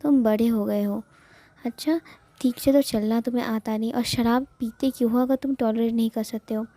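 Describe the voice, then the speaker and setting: A woman's voice: fairly high pitch, steady tone, normal speed, warm tone, no echo, lightly acted. A woman voicing a stern, scolding young man. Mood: angry. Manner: scolding, bossy. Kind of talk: storytelling with voiced characters.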